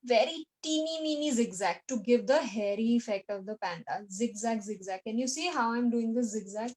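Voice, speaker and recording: A woman's voice: fairly high pitch, very slow, darkish tone, rough recording. A young woman with an Indian English accent, teaching an online art class to children, patient and coaxing, repeating her steps as she mixes Hindi and English.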